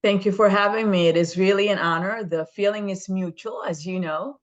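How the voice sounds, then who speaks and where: A woman's voice: mid-range voice, steady tone, moderate pace, highs cut off. A woman from the Dominican Republic, a guest in an interview, speaking earnestly and emphatically and often adding "right?". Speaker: guest, state legislator.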